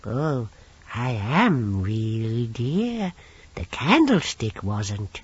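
A man voicing an ancient, wheezing bogeyman posing as a sweet old lady, in a creaky, sly audiobook voice. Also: mid-range voice, sing-song, drawn-out words, dry recording, exaggerated voice. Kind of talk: audiobook character voice. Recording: dull lo-fi recording.

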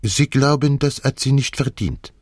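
A man's voice: medium pitch, unhurried, darkish tone, no room sound, studio quality, voice pushed up, lightly acted. A man voicing a fussy, commanding elderly Belgian detective who speaks German with a French accent in a precise, formal way. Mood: polite, wry. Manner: precise, formal, lightly theatrical.

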